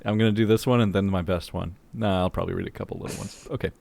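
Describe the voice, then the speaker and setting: A man's voice: low voice, steady tone, very fast, vocal fry, heavy background noise. A man on a casual podcast, reading jokes aloud to friends with laughing asides.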